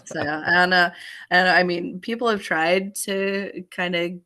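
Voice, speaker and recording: A woman in her thirties, a podcast guest, chatting upbeat and rambling, her voice going hoarse. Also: fairly low pitch, fairly even intonation, measured pace, pushed and bright. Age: 30s. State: hoarse, voice failing. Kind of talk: casual chat.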